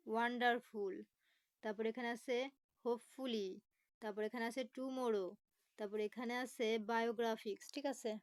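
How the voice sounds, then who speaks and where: Slow, patient woman teacher spelling words. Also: on the high side, no room sound, low-quality recording. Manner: spells words letter by letter, slow explanations with many fillers. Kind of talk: online lesson explaining a textbook.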